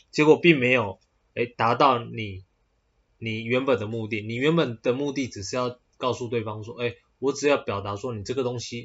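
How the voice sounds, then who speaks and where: Husky Taiwanese-accented man, rambling. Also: mid-range voice, fairly bright tone, muffled recording. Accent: Taiwanese Mandarin. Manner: rambling, with many hesitant fillers and restarts. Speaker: podcast host. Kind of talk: casual solo podcast talk.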